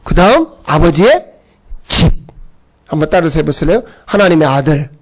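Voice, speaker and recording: A male pastor giving a Sunday sermon, telling the story in a lively, animated way with acted-out outbursts. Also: a little high, normal speed.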